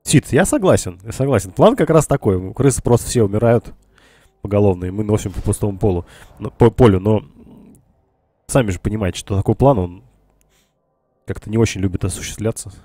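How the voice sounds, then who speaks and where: Sick with a cold, a game streamer sounds congested and nasal as he casually commentates a strategy game live, thinking aloud for his chat. His fairly low, dark voice is animated and fairly quick with frequent pauses, captured in a dry recording.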